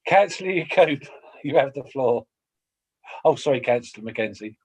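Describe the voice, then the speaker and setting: A man's voice: medium pitch, lively intonation, normal speed, husky. A man chairing a council committee meeting, making wry joking asides.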